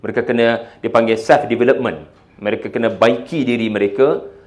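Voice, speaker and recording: Animated Malaysian preacher man. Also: medium pitch, a little fast. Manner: animated, swings between loud emphasis and quiet talk; mixes in English words. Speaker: Islamic preacher. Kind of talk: religious lecture.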